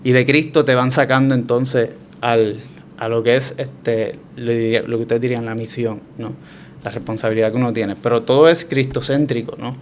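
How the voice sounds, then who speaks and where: A man with a Puerto Rican Spanish accent, telling his story as a guest in a relaxed, reflective way with frequent restarts. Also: mid-range voice, normal speed, slight background noise. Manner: reflective, hesitant with many restarts. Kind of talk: conversational testimony.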